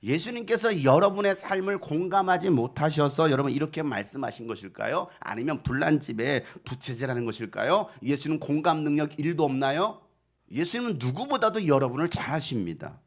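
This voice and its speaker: A middle-aged man preaching a sermon in a small church, dramatic, asking the congregation questions and answering them, dropping to hushed asides and rising to loud cries. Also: on the high side. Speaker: pastor.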